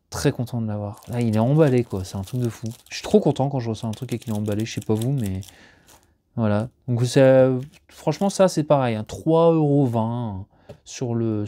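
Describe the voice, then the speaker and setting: A man chatting casually while unboxing discs at home, rambling with many fillers and restarts, and jumping up in pitch when he gets excited. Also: moderate pace.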